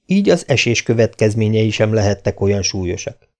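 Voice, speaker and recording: A man reading an audiobook aloud in a measured, steady way. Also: on the low side. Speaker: audiobook reader. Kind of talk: scripted narration.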